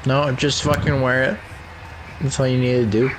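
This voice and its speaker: A man's voice: mid-range voice, flat delivery, normal speed. A young man drunk dialing a friend, chatting casually with slangy teasing and heavy swearing. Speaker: caller. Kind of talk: casual drunk-dial prank chat while gaming. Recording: noisy audio with game ambience.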